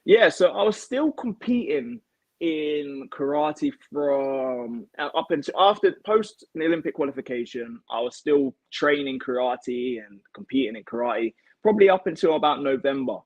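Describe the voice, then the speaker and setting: Speaking from his kitchen at home, a young British elite martial arts athlete chats as a guest on a video call interview, recounting his own story. His voice is fairly high and expressive at a moderate pace, recorded on a device mic with no room sound and a lo-fi quality.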